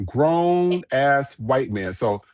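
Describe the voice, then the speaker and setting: Rambling through reactions to viral clips, this male podcast host is profane and blunt, stretching out his words with lively intonation. His middle-pitched voice has a darkish tone and sounds close and dry with no echo, though the lo-fi audio is a bit dull.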